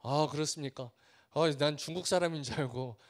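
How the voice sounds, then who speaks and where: A man's voice: on the high side, a little fast. A man preaching a sermon as a missionary, earnest, building through repeated phrases and acting out the villagers he meets. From Korea. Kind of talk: sermon with storytelling.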